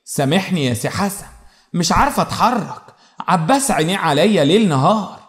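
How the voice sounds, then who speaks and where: A man's voice: sits high, expressive, a little fast. A man with an Egyptian accent voicing an anxious young woman trapped by her husband, speaking in a pleading, fearful way. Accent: Egyptian Arabic.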